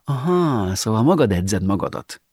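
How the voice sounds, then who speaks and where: A man's voice: fairly low pitch, very animated, darkish tone, husky, no room sound, studio quality, full character voice. A man voicing a curious woman who teases her lover with questions, lifting his voice a little. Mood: teasing. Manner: teasing, questioning.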